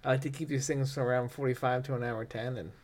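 A man co-hosting a casual podcast, rambling and animated, breaking into nervous laughs as he reads aloud. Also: mid-range voice, quick pace. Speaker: podcast co-host.

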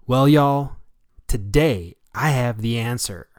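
A man's voice: mid-range voice, slow pace, dry recording, studio quality. An American man hosting a scripted solo health talk show, with an emphatic, instructive delivery. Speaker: radio show host.

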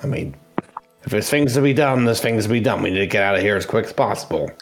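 A man's voice: lowish voice, expressive, fast, faint music behind. A man voicing a practical male ship captain in a tabletop game.

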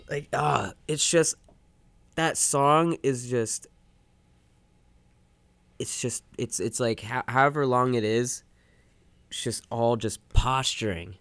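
A young man co-hosting a podcast in casual chat, laid-back, laughing often and trailing off into quiet asides. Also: mid-range voice, clear, resonant tone, no room sound. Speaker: podcast co-host.

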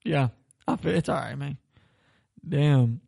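Slow and gravelly with a mid-range voice, a young man from Florida hosts a laid-back podcast chat. He tells a meandering story with animated retelling, lots of laughter, and heavy swearing.

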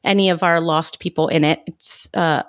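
Low-voiced woman in a chatty TV recap. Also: normal speed, no echo, clean studio sound. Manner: chatty, animated, quotes characters in voices. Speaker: podcast co-host. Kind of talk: casual chat.

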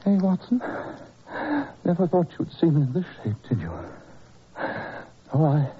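An actor playing a gravely ill, feverish male detective who stammers and raves, in 1940s radio acting. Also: a little high, animated, unhurried, heavily acted. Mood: weak, wry. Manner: stammering, raving, cries out then drops to a murmur. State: feverish and weak. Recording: muffled old radio broadcast, faint hiss.

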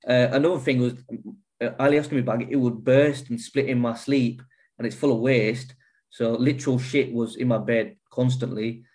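A man of middle pitch speaks earnestly about a hard stretch of his life. He swears freely and often restarts his sentences, with an unpolished, candid delivery. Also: steady tone, moderate pace, a little mellow. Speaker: guest. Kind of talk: candid personal storytelling.

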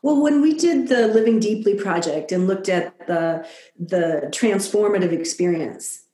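A woman's voice: medium pitch, animated, unhurried, warm tone. Reflective woman in an echoey room. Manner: reflective, thoughtful, with frequent "you know". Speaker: guest. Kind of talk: conversational interview.

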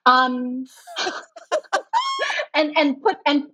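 A middle-aged woman from Hong Kong, a guest on a podcast interview, explaining things warmly and laughing easily. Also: high-pitched, wildly swooping pitch, very slow, no echo. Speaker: guest, BaZi reader and feng shui master. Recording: dull lo-fi, dry.

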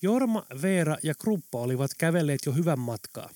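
A man narrating an audiobook in a steady, even reading manner. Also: fairly high pitch, dry recording, clean studio sound. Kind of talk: scripted narration.

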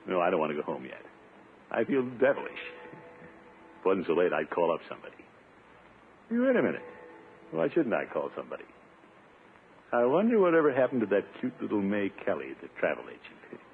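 An actor playing a pompous, impulsive middle-aged bachelor uncle with blustery, theatrical delivery in 1950s radio comedy style. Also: male voice, deep voice, narrow, tinny audio. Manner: blustery, theatrical, talks to himself. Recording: noisy, band-limited 1950s radio recording.

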